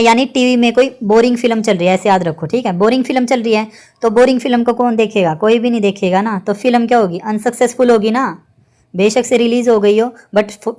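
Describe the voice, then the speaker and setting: A woman teacher, explaining word meanings with memory tricks, often asking "right?" and reading example sentences slowly. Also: a little high, darkish tone. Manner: repeats "ठीक है?" and asks rhetorical questions; reads English example sentences slowly and deliberately. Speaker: vocabulary teacher.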